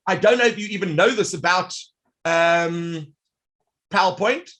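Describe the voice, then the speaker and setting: Unhurried and high-voiced, a man presents software during a live online workshop, keeping an upbeat, showy tone while speaking directly to the audience.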